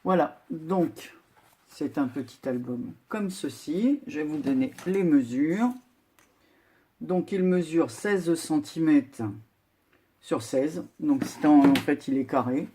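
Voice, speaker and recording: An older woman chatting casually as she shows a handmade craft project, unhurried with many filler pauses. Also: low voice, dark tone, husky. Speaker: crafting vlogger. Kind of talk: casual show-and-tell craft video.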